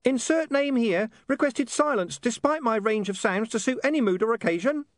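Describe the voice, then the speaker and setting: A man's voice: very high voice, animated, moderate pace, no room sound, clean studio sound, voice pushed up. A man voicing a tiny, pedantic green imp living inside a gadget box, rattling off fine print. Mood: fussy.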